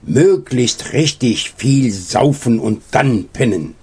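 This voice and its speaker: A man playing a blunt storybook ox with a husky voice. It drawls its words slowly, with wide swings in pitch. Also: animated, dark tone, full character voice. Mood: crude. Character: crude ox, later ashamed.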